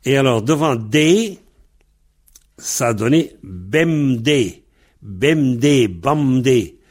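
In an animated, mid-range voice, a man from Brittany gives a Breton lesson. He works through words slowly, naming every letter in turn.

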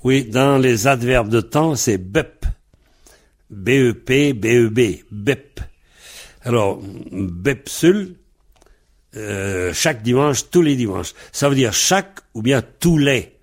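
Speaking at a medium pitch, this man from Brittany sounds animated as he teaches Breton. He deliberately spells each word letter by letter.

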